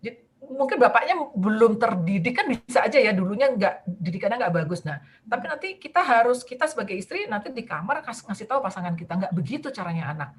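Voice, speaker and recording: A woman's voice: medium pitch, very animated, fast, slight background noise. A woman guest talking casually in a conversation, full of fillers and acting out bits of dialogue. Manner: chatty with many fillers, acts out quoted dialogue. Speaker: guest speaker.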